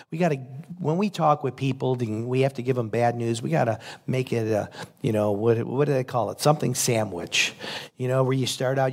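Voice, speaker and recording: A man's voice: mid-range voice, a little mellow. A man preaching a sermon as a pastor, in a conversational, earnest way.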